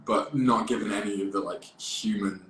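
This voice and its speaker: A man, an actor, chatting playfully on a phone livestream, halting and rambling with frequent restarts. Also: fairly low pitch, fairly even intonation, fairly bright tone. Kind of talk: casual livestream chat. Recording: echoey room with faint background noise.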